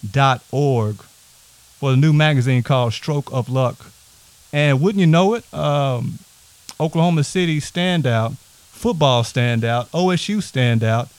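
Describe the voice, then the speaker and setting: A man hosting a podcast from a house, talking loose and hyped with plenty of shout-outs. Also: mid-range voice, no room sound. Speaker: podcast host. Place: a house set up as a home studio.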